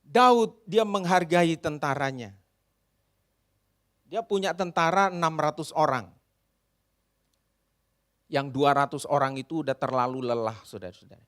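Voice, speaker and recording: A male pastor from Indonesia preaching a sermon in an animated, dramatic way, repeatedly addressing the congregation. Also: on the high side, a little slow, long pauses.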